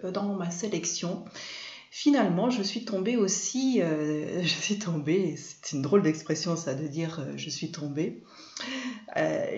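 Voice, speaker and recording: Woman, host, hesitant with fillers, low voice, dull lo-fi recording. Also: darkish tone. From France. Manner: hesitant, many fillers and restarts. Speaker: host and film trainer. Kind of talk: casual live-stream talk. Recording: roomy, dull lo-fi sound.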